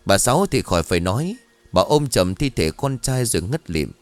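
A man narrating a scripted ghost story in an expressive, dramatic storytelling manner. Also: on the low side, fairly quick, no room sound. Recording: dry close studio voice over faint music.

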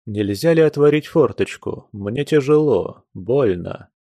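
A man reading an audiobook, voicing a weary, heartsick young man who talks slowly and reluctantly, with sighs. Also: medium pitch, animated, warm tone, dry recording. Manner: slow, sighing, reluctant.

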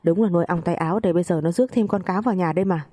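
A woman's voice: lowish voice, racing, lightly acted. A woman reading a foul-mouthed old mother-in-law. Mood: scornful. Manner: crude shouting insults.

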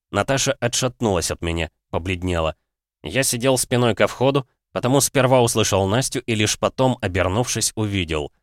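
A man reading a first-person story aloud in a measured, even storytelling manner. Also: fairly low pitch, dry recording, studio quality. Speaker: audiobook narrator. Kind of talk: first-person scripted narration.

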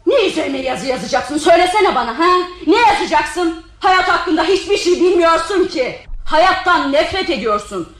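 An actress playing an anguished, unstable married woman in a broadcast radio drama, who lurches between scornful laughter, shouting and quiet confession. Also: extremely high pitch, lively intonation, normal speed, roomy sound. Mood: bitter, scornful.

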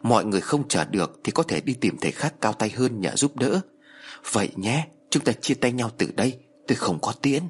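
A man's voice: mid-range voice, lively intonation, slightly rough. A man voicing a weary old spirit medium. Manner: slow, tired, dismissive. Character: weary male spirit medium, older, curt.

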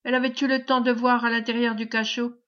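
A woman reading a novel aloud in an audiobook, narrating in a measured, dramatic way. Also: on the high side, level tone. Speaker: audiobook reader. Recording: dull lo-fi recording.

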